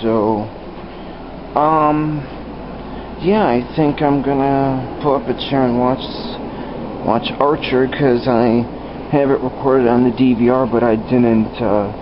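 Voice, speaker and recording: Recorded on an old handheld camcorder's built-in mic, the hissy, dull lo-fi audio captures a man vlogging at home, both inside and out front. He speaks slowly in a steady, mid-range voice, rambling casually and restarting now and then without fuss.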